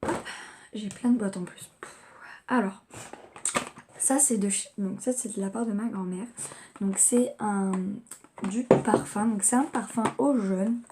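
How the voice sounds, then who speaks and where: A woman's voice: mid-range voice, fairly even intonation, unhurried, pauses often, background noise. A young woman chatting casually as she unboxes gifts in a home vlog, rambling with lots of fillers. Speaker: vlogger.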